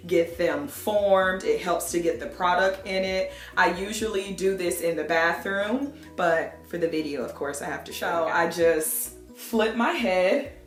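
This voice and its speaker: A woman's voice: lowish voice, unhurried, few pauses, echoey room, soft background music. A young woman vlogger giving a casual hair tutorial at home, chatty and playful, laughing at herself. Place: home room.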